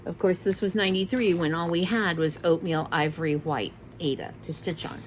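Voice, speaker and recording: A middle-aged woman who vlogs about cross-stitch chats casually in a show-and-tell, rambling a bit while showing off her craft kits and often correcting herself mid-sentence. Her lowish voice has fairly even intonation at a moderate pace, on a low-quality recording with a little hiss or hum.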